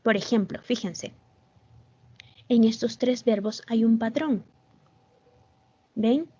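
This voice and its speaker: A woman teacher talks slowly and patiently in a rather high, mellow voice, stopping often to check that her class follows. The sound is dry and close, with the dull, lo-fi quality of a video call. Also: husky, no room sound. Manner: patient, slow, repeats "¿Ven?" to check understanding. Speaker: English teacher. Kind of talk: online class explanation.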